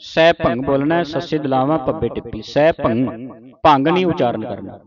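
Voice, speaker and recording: A man teaching careful scripture pronunciation, reciting verses slowly syllable by syllable and correcting common mistakes. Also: mid-range voice, expressive, highs cut off, crowd noise.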